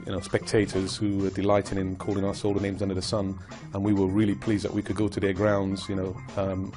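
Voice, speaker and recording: An older man, a former footballer, telling his story in a measured, reflective way in a documentary interview. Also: deep voice, completely flat delivery, over music.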